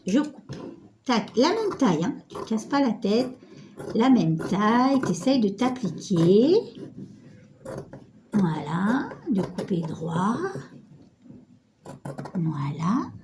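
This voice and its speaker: Her mid-range voice is sing-song and slow, pausing often, against a noisy background. She's a middle-aged sewing tutorial host, stuffed up and nasal with a cold, casually chatting and mocking herself as she walks viewers through a project on her phone camera.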